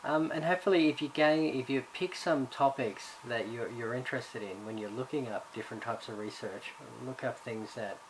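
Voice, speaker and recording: A medium-pitched male voice moves at a moderate pace with few pauses, yet remains hesitant, thick with fillers and restarts. The speaker, from Ireland and raised in Australia, is the subject coordinator recording a course introduction. Background noise is present.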